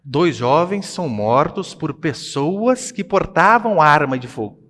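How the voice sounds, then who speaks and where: A Brazilian pastor, a man, delivers a sermon with a Brazilian Portuguese accent. His voice sits slightly high for a man and moves between hushed remarks and loud, emphatic lines. A long hall reverb trails each phrase. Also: measured pace. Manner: animated preaching, swinging between hushed and loud. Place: church hall.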